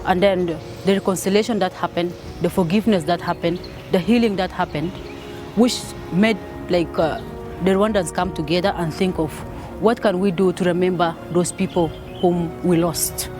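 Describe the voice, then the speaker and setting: A man's voice: high voice, steady tone, normal speed. A man from South Sudan speaking emotionally in an interview, often repeating words. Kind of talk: interview testimony. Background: music.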